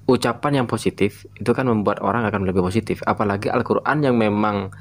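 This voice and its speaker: Co-host man, low and gravelly, agreeable, summarizes. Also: quick pace. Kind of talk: casual interview.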